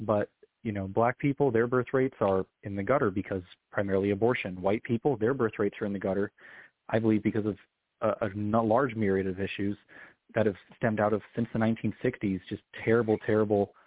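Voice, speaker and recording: Male interview guest, consultant, brisk and low, earnest, corrects himself as he goes, dry tinny phone-line sound. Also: steady tone, no echo. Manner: fast, earnest, self-correcting. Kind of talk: interview answer.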